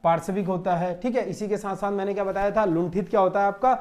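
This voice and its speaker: A man's voice: sits high, fairly even intonation, quick pace, darkish tone. A young man teaching an exam-solution lesson at a board, drilling points rhetorical questions he answers himself. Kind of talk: classroom exam-solution lecture. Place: classroom standing at a board.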